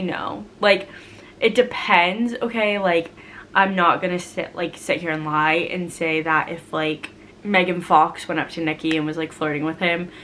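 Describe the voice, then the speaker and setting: A young woman talks through viewer questions in an easy, rambling way, breaking into laughter often and filling gaps with "like." Her voice sits a little lower than most women's. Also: fairly bright tone, slight background noise. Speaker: vlogger. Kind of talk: casual chat answering viewer questions.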